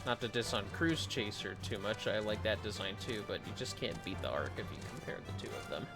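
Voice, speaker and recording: Creaky-voiced man casually streaming a game. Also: on the low side, lively intonation, brisk. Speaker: livestream host playing a video game. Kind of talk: casual live game commentary. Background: game music.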